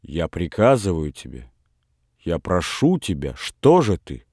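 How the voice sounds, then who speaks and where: A man's voice: low voice, sing-song, a little slow, darkish tone, no room sound, clean studio sound, heavily acted. A man reading aloud, voicing an imperious, reproachful elderly grandmother in a storybook reading. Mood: pleading. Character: stern, wounded elderly countess grandmother.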